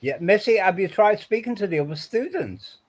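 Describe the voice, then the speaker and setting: A man's voice: sits high, expressive, a little fast. A man in a casual group chat, giving advice and often stammering and repeating his words.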